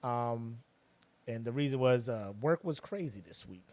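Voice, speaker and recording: A man co-hosting a podcast in casual chat, animated and sarcastic, full of slang. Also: medium pitch, unhurried, no echo. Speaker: podcast co-host.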